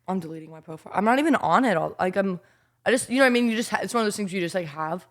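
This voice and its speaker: A woman's voice: mid-range voice, rapid-fire. A young woman co-hosting a podcast in casual chat, blunt and profane, getting over strep throat. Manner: blunt, profane, animated storytelling. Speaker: podcast co-host.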